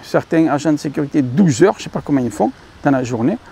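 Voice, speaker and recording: A man speaking with a French accent, his voice high for a man and gravelly with fry. He rambles through a casual vlog monologue, stumbling over fillers and correcting himself as he talks to his viewers. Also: animated, quick pace, dark tone. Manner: rambling, many fillers and self-corrections, addresses viewers as dear friends. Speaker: YouTube channel host.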